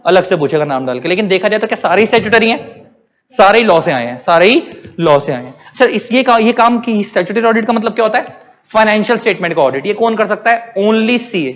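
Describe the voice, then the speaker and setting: A man teaching a class in a high voice. He keeps asking questions and answering them himself. His voice rings with a long reverb. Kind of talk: classroom lecture.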